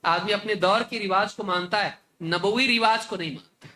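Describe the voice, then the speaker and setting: Male scholar, high bright delivery, animated lecture, faint noise in the recording. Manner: animated, acts out opponents with mocking rhetorical questions. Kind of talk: religious lecture in Urdu.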